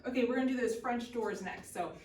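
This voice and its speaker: A woman's voice: a little high, fast, a little mellow, a little hiss or hum. A woman leading a workout as an aerobics instructor, calling out short, encouraging cues and counts. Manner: short commands and counts called out during exercise. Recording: roomy echo, distant from the mic.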